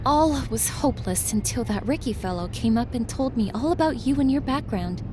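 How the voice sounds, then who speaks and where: An actress playing an anxious, proper, well-off wife in a noir audio drama, speaking earnestly and formally. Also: female voice, on the high side, expressive, moderate pace, natural voice. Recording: clearly noisy background ambience.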